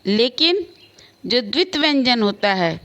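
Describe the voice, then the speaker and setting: Slow, patient woman teacher. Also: a little high, big pitch swings, fairly bright tone. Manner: slow, explains with spoken examples and varied emphasis. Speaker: school teacher. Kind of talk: online class lesson.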